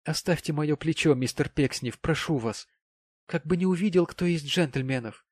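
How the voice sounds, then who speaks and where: Guy doing fussy landlady lady, all exclamations, high pitched, dry sound. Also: normal speed, no room sound, natural voice. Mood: flustered. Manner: exclaiming, fluttery. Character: fussy, flustered landlady, middle-aged woman.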